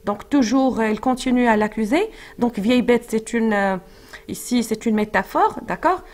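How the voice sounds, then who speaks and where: A woman's voice: a little high, moderate pace, darkish tone. A woman French teacher, explaining a literary passage and checking in with her class. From Morocco. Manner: explanatory, checks with frequent "d'accord?"; hesitant, with fillers and restarts.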